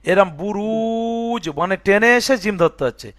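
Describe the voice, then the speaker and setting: A man's voice: high voice, unhurried, crowd noise. A man teaching Quran reading, spelling out words letter by letter and checking that the student follows. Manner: breaks words into letters and vowel marks, checks "বুঝে আসছে?". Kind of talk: spelling-out recitation lesson.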